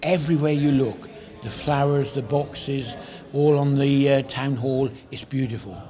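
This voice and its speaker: Older male town crier from the Cotswolds, medium pitch, relaxed interview chat rather than crying. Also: unhurried, soft background music. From Cotswolds, England. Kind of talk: casual outdoor interview.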